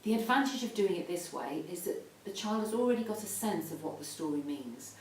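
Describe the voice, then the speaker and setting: A woman's voice: lively intonation, a little fast. A middle-aged woman gives an explanatory talk to parents in an instructive way, stressing key points. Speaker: reading educator advising parents. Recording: roomy echo, distant mic, faint rumbling noise.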